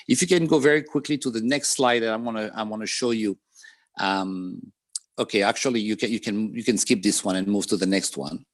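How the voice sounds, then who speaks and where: On a video call, a French panelist presents in a measured way, his accent clearly French and his points separated by "um." The voice is lowish, with a dry recording.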